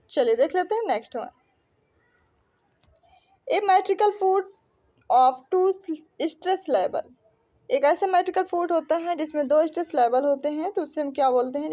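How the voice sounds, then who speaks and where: Young Indian woman, exam tutor, very high pitch, soft dark tone, drills students with repeated questions. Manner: reads questions slowly, then explains in Hindi with repeated quiz-like questions. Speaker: English teacher. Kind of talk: exam-prep lesson.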